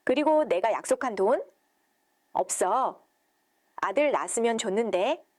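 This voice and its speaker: A woman's voice: on the high side, expressive, a little slow, darkish tone, no echo, studio quality. A woman reading the lines of a cold, stern older mother-in-law, curt and icy.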